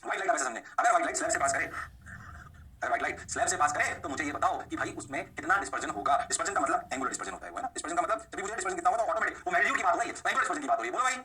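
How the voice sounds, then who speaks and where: Fast, bright-voiced male physics teacher. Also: expressive, far from the mic, slight background noise. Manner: mixes Hindi and English, answers his own questions in a lowered voice. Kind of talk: lively classroom lecture.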